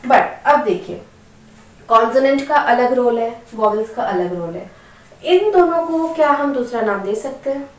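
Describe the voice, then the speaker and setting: A woman teaches grammar at a slow, careful pace, her voice sitting a little high. She repeats each practice word several times and poses questions to her learners. The sound is echoey and a bit distant from the mic, with a faint hiss behind it. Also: lively intonation. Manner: patient, repeats words slowly for practice; asks rhetorical questions. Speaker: English teacher.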